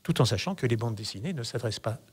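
A man's voice: medium pitch, lively intonation, breathy edge. A man in his sixties, president of a festival association, answering in a radio studio interview with many hesitations. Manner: measured, hesitant with many fillers. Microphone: studio mic on boom arm.

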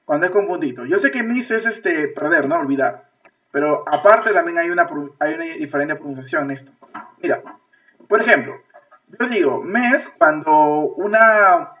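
A Peruvian man with a high, bright voice teaches an online class, repeating himself and checking after nearly every phrase that his students are following. His voice sounds distant from the microphone through thin, lo-fi video-call audio. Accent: Peruvian Spanish. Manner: repetitive, checks understanding with constant "ok?". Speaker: English teacher.

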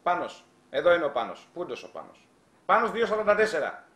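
Man, live-stream host, high voice, teasing and animated, echoey room. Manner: teasing, animated, reads chat aloud. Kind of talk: casual live-stream chat.

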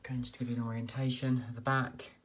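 This is walk-through narration of a detached house and its back garden, recorded on a handheld phone camera. The English-accented man, an estate agent, talks fast in a mid-range voice with an easy, chatty sales manner, and a little hiss or hum sits under the audio.

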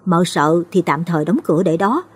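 A woman's voice: on the low side, fairly quick, husky. A woman voicing an anxious young woman of the family, speaking in a questioning, urgent way in a storybook reading.

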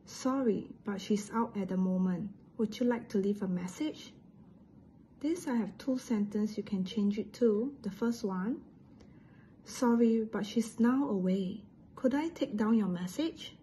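A woman's voice: medium pitch, unhurried, warm tone, a little hiss or hum, rough recording. A woman from Singapore with a Singaporean accent, patiently explaining English phrases and pronunciation step by step as a teacher.

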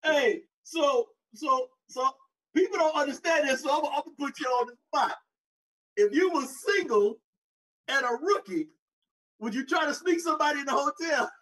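A man's voice: extremely high pitch, moderate pace, a bit bright, far from the mic, low-quality recording. A man hosting a sports talk show, teasing his guest with pointed questions. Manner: teasing, puts the guest on the spot. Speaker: show host. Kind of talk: casual chat.

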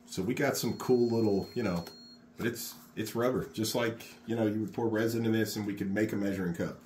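A middle-aged contractor gives a casual epoxy how-to in an unfinished garage workshop, chatting encouragingly while working as a phone camera records. His voice runs on the low side, brisk and a little mellow. The sound is reverberant, with slight background noise.

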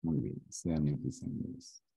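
A man teaching math in an online class, joking with his students and asking often whether it is clear. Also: low-pitched, big pitch swings, slow, mellow, no room sound. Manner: joking, teasing, asks students to confirm often.

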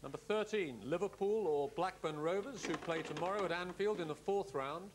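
A middle-aged man hosting a televised cup draw, speaking in a measured, courteous, official way. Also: high-pitched, background noise. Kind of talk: formal live announcement. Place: studio-style hall set with audience.

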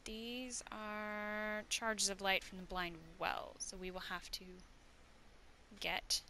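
A woman's voice: medium pitch, steady tone, takes it slowly, bright, forceful tone, a little hiss or hum. A woman hosting a casual let's play, thinking aloud as she commentates. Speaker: host of a gaming channel.

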